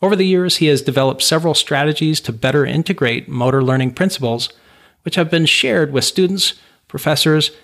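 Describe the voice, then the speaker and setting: A man hosting a podcast, reading a formal introduction and then asking the guest questions with warm encouragement. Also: on the high side. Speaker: podcast host. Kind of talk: scripted introduction and interview questions.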